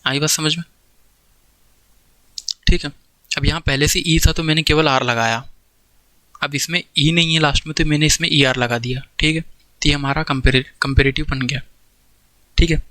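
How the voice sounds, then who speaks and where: A man's voice: fairly high pitch, fairly even intonation, moderate pace, long pauses, sharp tone, dry recording, rough recording. A man teaching a grammar lesson in with examples, explaining step by step and checking often that students follow. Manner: explains step by step, keeps checking understanding with "theek hai". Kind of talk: classroom grammar lecture.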